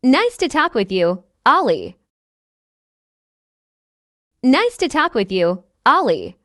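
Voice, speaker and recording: A woman reading a friendly learner's part in a scripted practice dialogue for English learners, speaking slowly and carefully enunciating each line. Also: high voice, sing-song, fairly bright tone, no echo, clean studio sound, exaggerated voice. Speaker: dialogue reader.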